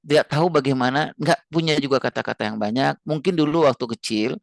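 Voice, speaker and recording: A man speaks earnestly to parents about raising children, his voice carrying a gravelly edge. He explains patiently, repeating key words and lifting his pitch when he drives a point home. The sound is dry and close. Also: fast talker, dry recording. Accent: Indonesian. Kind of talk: lecture to parents and teachers.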